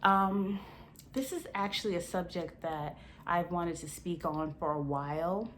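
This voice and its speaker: A woman's voice: fairly low pitch, a little slow, a bit bright, a little hiss or hum. A woman in her early forties talking candidly and casually to camera as a vlogger, her speech slightly slurred by the retainers she is wearing. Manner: candid, conversational. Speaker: YouTube lifestyle vlogger. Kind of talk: casual personal talk to camera.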